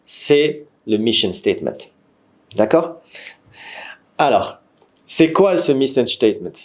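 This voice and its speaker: A man with a Moroccan French accent teaching an online workshop to startup founders over a video call, lively and questioning, with frequent restarts. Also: mid-range voice, slow. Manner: lively, asks the group for agreement often, many restarts; says he is a gamer. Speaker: startup trainer. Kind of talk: online training lecture. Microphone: computer mic on a video call.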